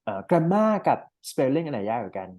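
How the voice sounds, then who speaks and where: A young Thai man tutoring English one-on-one, explaining patiently and modeling slow, careful English reading. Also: on the high side, sing-song, a little mellow. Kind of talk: one-on-one online IELTS lesson.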